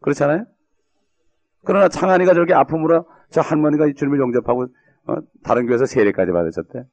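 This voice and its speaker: A man's voice: on the high side, darkish tone, lo-fi sound. A man preaching a sermon as pastor, often tossing rhetorical questions to his congregation. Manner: gravelly, fast-talking, rhetorical questions to the congregation.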